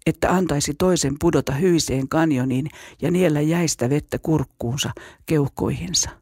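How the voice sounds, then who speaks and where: A storyteller reading a children's story aloud in a steady, measured way. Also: medium pitch, breathy edge, no echo, clean studio sound. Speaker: narrator.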